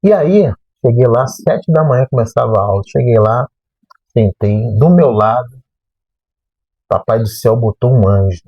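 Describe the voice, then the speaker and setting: A man, a math teacher telling a personal story in a lively way and acting out remembered dialogue. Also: medium pitch, moderate pace, husky, no echo, highs cut off. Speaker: math teacher and channel host.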